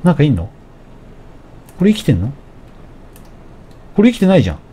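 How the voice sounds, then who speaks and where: A man giving casual, animated commentary while playing a game, often taunting enemies and shouting at the screen. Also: fairly high pitch, brisk, slightly rough. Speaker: let's play commentator.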